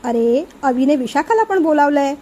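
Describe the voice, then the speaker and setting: A woman's voice: high voice, lively intonation, normal speed, warm tone. A woman voicing a teasing, level-headed young wife who jokes with an upset friend in a storybook reading. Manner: teasing, jokey.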